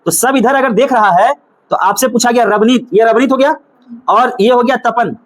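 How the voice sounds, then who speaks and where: A man's voice: very high voice, normal speed, rough recording. A man teaching a reasoning class with a Bihari Hindi accent, repeating questions and coaxing his students toward each answer.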